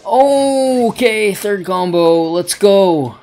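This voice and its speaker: Gravelly rambling game commentator. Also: male voice, high-pitched, lively intonation, very slow, darkish tone, soft background music. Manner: rambling, hesitant, self-talking. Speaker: gaming channel host. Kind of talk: let's play commentary.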